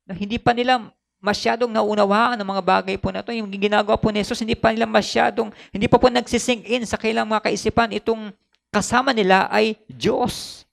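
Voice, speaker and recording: A man's voice: sits high, fairly even intonation, a little fast, vocal fry. A man with a Filipino accent preaching a sermon as pastor, switching between Tagalog and English and repeating phrases for emphasis.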